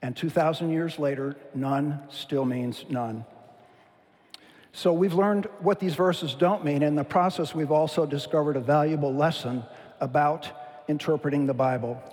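A man preaching a sermon in a church, measured, with slow and emphatic phrase endings. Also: a little high, fairly even intonation, darkish tone. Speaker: pastor. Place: church sanctuary. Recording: long hall reverb.

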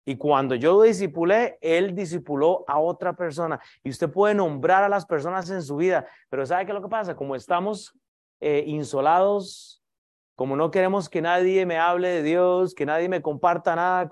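A man preaching a sermon, lively and direct, with joking asides to the congregation. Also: on the high side, a little fast.

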